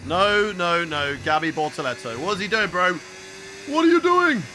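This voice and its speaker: A young British gaming streamer with a high, sing-song, sharp-toned voice talks at a moderate pace while playing a racing game live. He reacts aloud and answers viewers' chat, with clear car and engine sounds from the game behind him.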